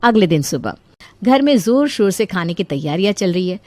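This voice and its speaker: A woman narrating a children's cartoon story in a lively, playful manner. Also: mid-range voice, normal speed, no room sound.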